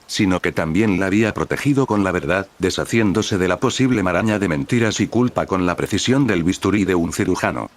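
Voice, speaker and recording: A man narrating a story in a steady, measured reading style. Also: sits low. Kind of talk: scripted fanfic narration.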